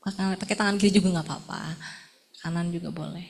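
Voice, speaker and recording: A woman's voice: lowish voice, fairly even intonation, fast talker, gravelly, husky. A woman, leading a sign language workshop and calling out words one by one for participants to practice. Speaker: workshop facilitator.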